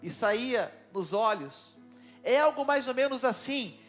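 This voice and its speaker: Male pastor, very high voice, dramatic conversational sermon. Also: expressive, a little slow, a bit bright, soft background music. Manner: dramatic, conversational, with questions to the congregation. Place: church.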